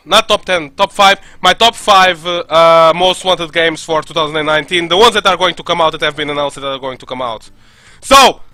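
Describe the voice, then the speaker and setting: Brief: young male streamer, high and bright voice, loose rambling podcast chat full of "um" and "like.". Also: no echo, rough recording. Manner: rambling, with many fillers and restarts.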